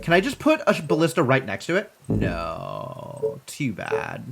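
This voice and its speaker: A man's voice: medium pitch, wildly swooping pitch, unhurried. A man giving casual gameplay commentary, thinking aloud as he plays. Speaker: gamer playing and commentating. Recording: clear background noise.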